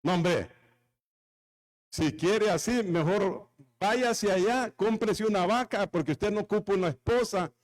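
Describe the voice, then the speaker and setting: A woman's voice: mid-range voice, unhurried, a little mellow, natural voice. A man voicing an exasperated young wife who scolds her husband in disbelief during a sermon joke. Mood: scolding. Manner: scolding, incredulous.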